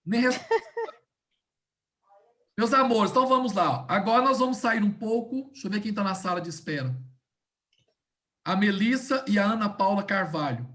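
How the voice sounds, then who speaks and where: A woman teacher giving a class over a video call. She explains step by step, slows down to stress key words, and keeps checking that her students are following. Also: medium pitch, fairly bright tone. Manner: didactic, checks in often with "tá?" and "né?". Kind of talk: online class lecture.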